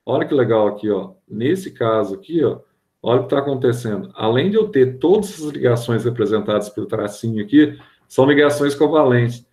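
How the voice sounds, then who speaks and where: A man's voice: medium pitch, lively intonation, fairly quick, a little mellow, echoey room. A man from Brazil giving a chemistry lesson, asking and answering his own questions and checking in with frequent tag questions. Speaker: chemistry teacher. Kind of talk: classroom lecture.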